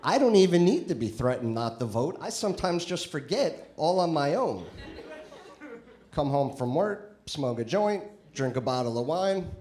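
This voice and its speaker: A man's voice: on the high side, big pitch swings, moderate pace, a little mellow. A male stand-up comedian performing a conversational set with crude punchlines on a comedy club stage, into a handheld mic.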